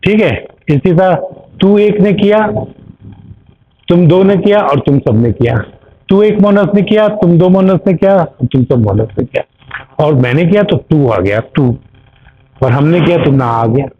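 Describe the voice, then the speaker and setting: A man teaching an Arabic grammar class, explaining slowly and repeating each term while checking that his listeners follow. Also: fairly high pitch, lively intonation, a little hiss or hum. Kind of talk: grammar lesson. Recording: tinny phone-like audio.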